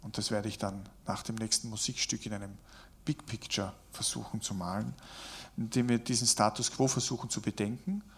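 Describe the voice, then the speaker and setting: A man giving a reflective spoken lecture, measured and deliberate, building his points in long lists. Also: on the low side, fairly even intonation.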